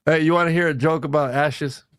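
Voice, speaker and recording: A man's voice: a little high, fairly even intonation, a little fast, fairly bright tone, clear, resonant tone, no echo, studio quality. A man co-hosting a casual chat show, teasing and joking in a laid-back way. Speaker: co-host.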